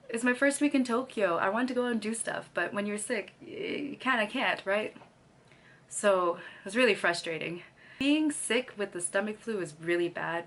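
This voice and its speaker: A young woman from Canada, a vlogger, chats casually to camera in a mid-range, somewhat bright voice. Her throat is still a bit scratchy from having lost her voice, and she laughs a lot between sentences.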